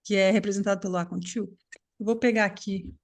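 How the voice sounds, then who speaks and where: A woman's voice: mid-range voice, steady tone, fairly quick. A woman English teacher giving a live online class on a video call, explaining patiently and checking often that students follow.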